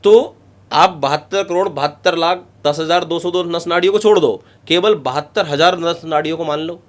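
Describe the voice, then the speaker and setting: A man's voice: on the high side, normal speed. Emphatic yoga guru man explaining. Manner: emphatic, repetitive, explains step by step. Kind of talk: instructive interview talk.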